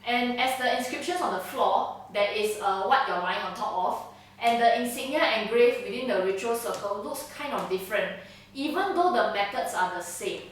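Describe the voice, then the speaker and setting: A woman's voice: fairly high pitch, lively intonation, moderate pace. A woman narrating a tabletop game as game master, chatty and casual, often checking in with her players. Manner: casual, chatty, frequent laughs and "okay?" checks. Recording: roomy echo, distant mic.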